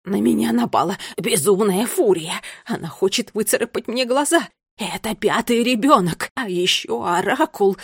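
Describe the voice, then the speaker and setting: A woman's voice: mid-range voice, expressive, normal speed, creaky, slightly rough, no room sound, clean studio sound, exaggerated voice. A woman reading aloud and voicing a panicked, out-of-breath book creature. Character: crimson, limping thesaurus creature, panicked.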